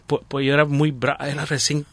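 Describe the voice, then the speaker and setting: A man sharing a personal testimony in conversation, halting and restarting as he tells it, slipping English phrases in now and then. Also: a little high, flat delivery, no echo.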